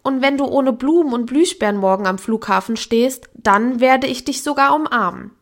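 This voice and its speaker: A woman's voice: on the high side, normal speed, natural voice. A woman reading the lines of a young woman who teases her best friend on the phone in an audiobook. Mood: teasing. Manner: dry, teasing.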